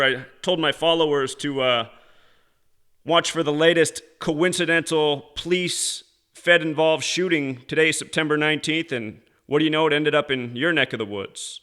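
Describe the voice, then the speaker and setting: A man's voice: fairly high pitch, sharp tone, smooth. A man leaving a voicemail on a phone, speaking in a sarcastic, mock-admiring way. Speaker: channel host.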